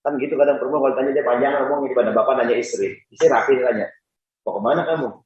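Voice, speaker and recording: A man's voice: medium pitch, fairly even intonation, very fast, darkish tone. A male preacher giving a humorous sermon in a mosque and often addressing the congregation. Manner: joking, addresses the audience often. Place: mosque hall in Jakarta. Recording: roomy dull mosque hall.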